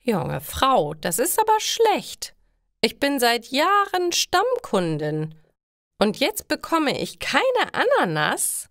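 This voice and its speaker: A woman voicing a demanding elderly female regular customer at a pizza place, speaking high and insistent. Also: wildly swooping pitch, extremely slow, dry recording, clean studio sound, full character voice. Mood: indignant.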